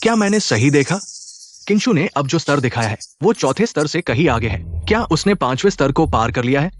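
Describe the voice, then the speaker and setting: A man's voice: on the high side, very animated, brisk. A man voicing a sneering clan schemer. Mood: shocked. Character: scheming male rival of a martial clan. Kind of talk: Hindi-dubbed short drama.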